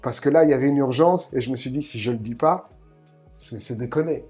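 A man's voice: mid-range voice, fairly quick, a little mellow, husky, faint music behind. A man sharing his thoughts in a podcast talk, earnest and reflective, often restarting and repeating words. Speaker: podcast co-host.

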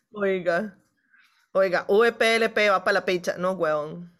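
A woman's voice: medium pitch, slow pace, fairly bright tone. A Costa Rican woman in her thirties co-hosting a podcast, joking crudely with heavy slang. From Costa Rica. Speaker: podcast co-host. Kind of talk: casual podcast chat.

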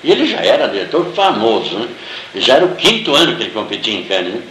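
A man's voice: medium pitch, quick pace, background noise. An older man from Brazil with a Brazilian Portuguese accent, a filmmaker telling an anecdote and acting out the people he quotes. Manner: animated, acts out the people he quotes. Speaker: filmmaker interviewee. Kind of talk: storytelling anecdote. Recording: roomy with faint ambience.

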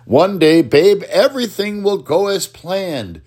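A man's voice: high voice, lively intonation, unhurried, a little mellow, husky, voice pushed up, exaggerated voice. A man voicing a tender, reassuring young woman.

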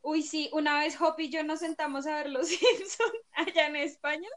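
A woman, co-hosting a casual chat and asking lively, curious questions. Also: high-pitched, normal speed, a crowd in the background.

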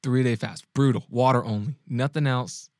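A man hosting a podcast, telling a personal story in a casual, animated way, laughing often and restarting his sentences. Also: mid-range voice, normal speed, no echo, studio quality. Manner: animated, laughs often, frequent restarts and check-ins with the listener. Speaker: podcast host and dating coach.

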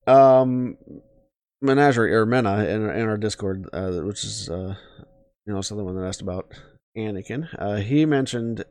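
Man, very low voice, casual podcast co-host, rambling, dry recording. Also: moderate pace, a little mellow, no echo. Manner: rambling, many fillers and restarts. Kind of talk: casual chat.

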